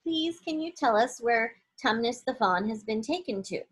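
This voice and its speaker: A woman's voice: fairly high pitch, expressive, normal speed, a bit bright, breathy edge. A woman voicing an earnest, emphatic young girl in a storybook. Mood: excited.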